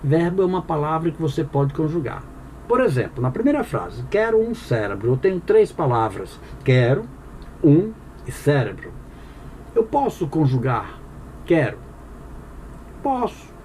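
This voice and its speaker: A man's voice: a little high, very animated, a little slow, mellow, a little hiss or hum. A man teaching a Portuguese grammar lesson in a conversational, explanatory way, asking the listener questions and answering them himself. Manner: conversational with frequent "tá bom?" check-ins.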